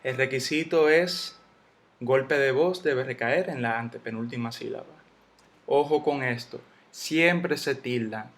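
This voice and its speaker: A man teaching a Spanish spelling lesson, slowly spelling out syllables and letters. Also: medium pitch, a little hiss or hum.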